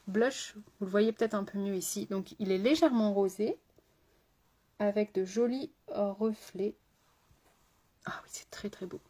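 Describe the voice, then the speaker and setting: A makeup artist talks straight to her viewers during a live makeup tutorial, rambling into asides as she goes. Her voice is medium in pitch with a dark tone.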